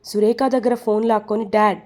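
A woman's voice: on the high side, steady tone, a little fast, mellow. A woman steadily reading the narration of a romantic audio story. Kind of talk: scripted narration.

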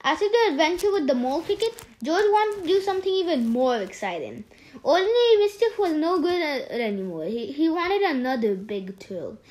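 High-voiced woman reading a children's book. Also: a little mellow. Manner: halting, with frequent restarts. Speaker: storyteller.

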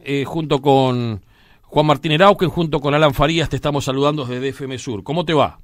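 A man's voice: mid-range voice, brisk, dry recording. A man with a Rioplatense Spanish accent hosting a casual radio sports interview, asking long, rambling questions full of restarts.

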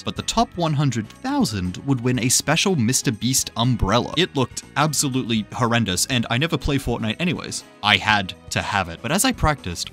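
A man's voice: medium pitch, fairly bright tone. A young man narrating a comedy gaming story in a dry, sarcastic tone, as the host of his own video. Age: young adult.

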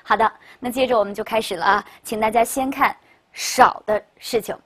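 Woman teacher lecturing a class, slightly breathy voice, asks the class lots of questions. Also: on the high side, brisk. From China. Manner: lively, rhetorical questions to the class. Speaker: English teacher.

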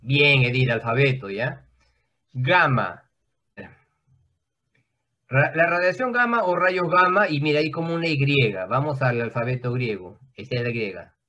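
A man's voice: medium pitch, unhurried, sharp tone, muffled recording. A man teaching an online class, explaining at length in a conversational way and often checking in with his students.

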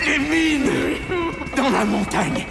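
A desperate, high-strung game villager with a very high, creaky, strained voice. The frantic shouting echoes under loud music. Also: male voice, lively intonation, takes it slowly, exaggerated voice. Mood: desperate, defiant.

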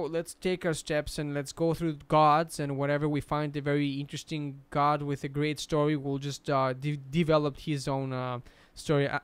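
A man's voice: on the high side, clean tone, no room sound. A man hosting a casual history podcast, explaining at length with frequent restarts.

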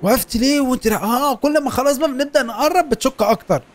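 A young man with an Egyptian Arabic accent giving excitable, joking commentary as he plays a game. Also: very high voice, racing, soft background music. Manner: excitable, joking, urging his character on. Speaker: gaming YouTuber. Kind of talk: Let's Play commentary.

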